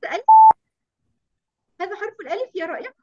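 Very high, lively teacher woman. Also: fast talker, heavy background noise. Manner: animated, coaxing, heaps praise on children. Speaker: kindergarten teacher. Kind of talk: online class for young children. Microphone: video call. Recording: dull lo-fi online call audio.

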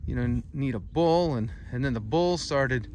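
Recorded on a handheld phone outdoors, a farmer from the United States who hosts a vlog walks his cattle pasture telling a rambling, filler-laden story. He talks at normal speed, medium pitch, with a darkish tone and slight background noise.

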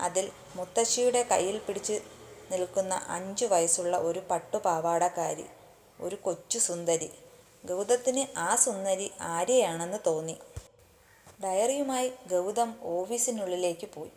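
A woman narrating a romance story aloud in a steady, even reading manner. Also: on the low side, a little slow.

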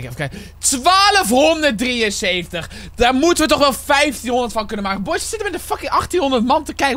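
Lively young Dutch man streaming game. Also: high voice, slight background noise. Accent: Netherlands Dutch. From Netherlands. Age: 20s. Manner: chatty, slangy, swears often, talks to viewers. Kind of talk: casual game roleplay commentary.

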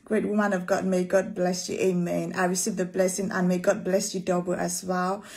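A woman's voice: on the low side, little pitch movement, moderate pace, vocal fry, a little mellow. A woman in her thirties from Cameroon, preaching and greeting viewers by name during a live-streamed church session, close to a phone camera in a small room.

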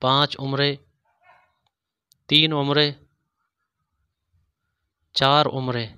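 A man reading religious quiz questions, pausing over each option before he gives the answer. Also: mid-range voice, flat delivery, pushed and bright, clear, resonant tone, no room sound. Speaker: quiz host. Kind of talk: scripted quiz narration.

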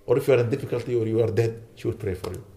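A man's voice: medium pitch, rapid-fire, dark tone. A man delivering a sermon as a sheikh, urging his listeners with repeated rhetorical questions. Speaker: sheikh giving a lecture. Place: lecture hall.

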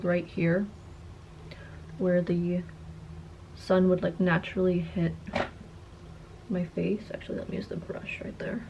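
A woman's voice: mid-range voice, highs cut off, slight background noise. Young woman with a slushy, lisping s. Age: 20s. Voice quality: slight lisp with slushy s sounds. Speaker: content creator. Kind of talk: casual chat to camera. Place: carpeted attic-style room indoors.

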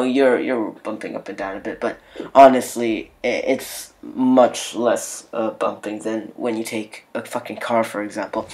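A young man recounting a story in a loose, irritated vlog manner. He swears constantly and leans heavily on "like" and "you know" as fillers, keeping everything casual and unscripted. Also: medium pitch. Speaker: vlogger.

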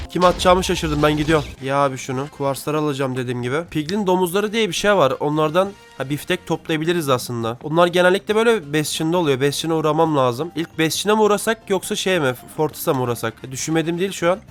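A young man giving casual, slangy let's-play commentary, talking back to the creatures in the game as he plays. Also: a little high. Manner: chatty, talks to the game mobs, slangy. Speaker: gaming YouTuber. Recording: music faint behind voice.

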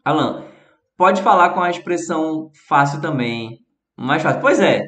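Brazilian male English teacher, high-pitched, casual live chat delivery, roomy echo. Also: lively intonation, a little slow, fairly bright tone. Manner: chatty, reads chat messages aloud and answers them. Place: alone at home, livestreaming. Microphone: phone.

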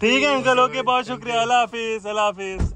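A man chatting excitedly on his pet vlog, coaxing and doting on a new animal in a playful voice. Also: extremely high pitch, quick pace, crowd noise. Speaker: pet vlogger. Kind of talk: casual vlog chat.

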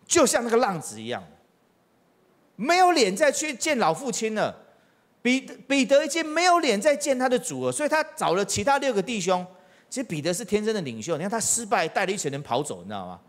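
A man's voice: sits high, sing-song, brisk. A middle-aged man preaching a sermon as pastor, telling stories with acted-out quotes and rhetorical questions. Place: church.

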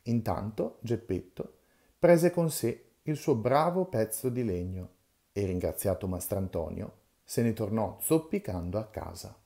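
A man's voice: lowish voice, expressive, a little slow, creaky, dark tone. A man reading the first chapter of a classic children's novel aloud, in a storyteller's manner. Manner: storyteller's reading, dramatic in the quarrels. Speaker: reader.

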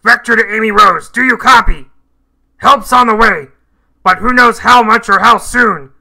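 A man voicing a brash, bossy crocodile detective boss from a cartoon game, with a gruff, gravelly, forceful delivery. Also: high voice, normal speed, full character voice, poor audio. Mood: urgent, rallying. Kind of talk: cartoon video game character voice reel.

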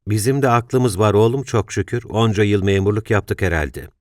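A worried, sighing older father, earnest and a little defensive, as read by a man in his own narrating voice. The voice sits very low. The audiobook sound is dry and close. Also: moderate pace, dry recording, natural voice. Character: worried older father, retired civil servant.

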